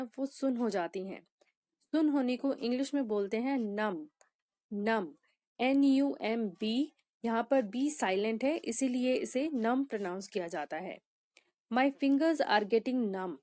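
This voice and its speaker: Slow, patient woman English teacher. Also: on the high side, no room sound, studio quality. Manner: says each example sentence slowly and repeats it; explains in an even, patient teaching voice. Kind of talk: spoken English lesson.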